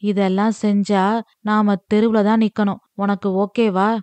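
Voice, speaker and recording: A woman voicing a grown son who bitterly protests over the family's debts, talking fast and exasperated. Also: mid-range voice, flat delivery, darkish tone, dry recording, lightly acted.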